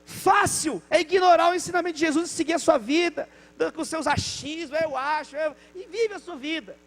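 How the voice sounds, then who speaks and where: A male pastor with a Brazilian Portuguese accent preaching a sermon with passion, acting out the people in his stories. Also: high-pitched.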